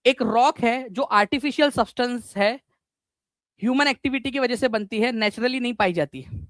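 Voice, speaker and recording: This is a male teacher running a live online exam-prep lesson, animated and repetitive, questioning students while blending in English vocabulary. He talks at a moderate pace with an extremely high pitch, recorded dry.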